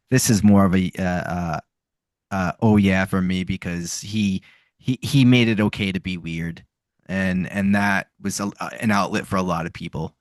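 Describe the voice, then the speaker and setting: A man co-hosting a casual podcast, speaking earnestly and haltingly with many ums. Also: deep voice, dry recording. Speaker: podcast co-host. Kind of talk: casual sports chat.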